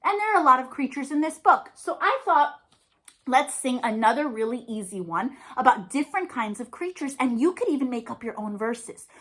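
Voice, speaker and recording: With a voice that sits high, swings widely in pitch, and has a fairly bright tone, a woman librarian runs an interactive storytime for young children. She keeps a moderate pace, encouraging and playful, often asking the children questions.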